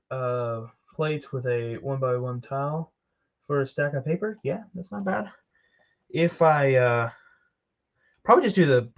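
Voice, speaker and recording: A man's voice: fairly high pitch, dull audio. A man casually commenting while he builds with Lego, rambling and joking at himself as he works. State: tired.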